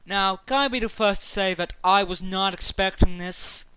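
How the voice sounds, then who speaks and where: A man talking excitedly to camera about a video game, rambling through his theories with many fillers and restarts. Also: high voice, normal speed, clean tone, dry recording, low-quality recording. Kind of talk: casual speculative chat to camera.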